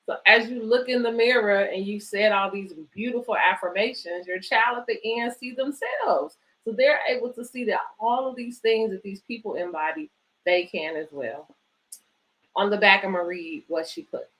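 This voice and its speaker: A woman with a medium-pitched, slightly bright voice speaks at a normal speed on a low-quality recording. She hosts a children's storytime, reading picture books aloud and chatting encouragingly with families. She is the host of a children's bedtime story series and director of a book organisation.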